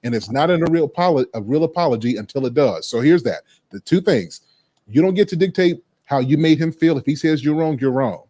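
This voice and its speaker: A man's voice: fairly high pitch, lively intonation, fairly quick, mellow. A man hosts a relationship advice show and speaks in a firm, preachy tone. He stutters into his points and then drives them home by repeating them. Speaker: host.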